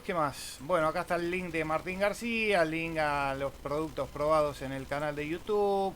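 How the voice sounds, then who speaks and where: A slightly high, somewhat bright male voice from Argentina leads a casual screen-share tutorial for amateur radio fans on YouTube. "Eh?" pops up as a questioning tag on many of his phrases, with background noise clearly audible.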